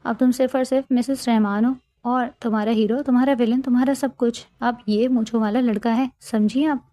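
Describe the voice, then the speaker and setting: Woman reading as a possessive young husband, intense and teasing, mellow and fairly high in her own voice, dry close sound. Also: fairly even intonation, dry recording, lightly acted. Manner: intense, then playfully teasing.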